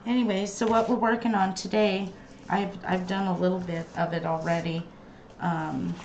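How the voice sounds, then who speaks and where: A woman hosting a casual livestream from her craft room, chatting slowly and trailing off, her voice hollow and tinny like inside a tin can. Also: on the low side, a little mellow. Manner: slow, chatty, trailing off mid-sentence. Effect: hollow tinny sound, like inside a tin can. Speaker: livestream host. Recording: echoey, dull lo-fi stream audio with faint background noise.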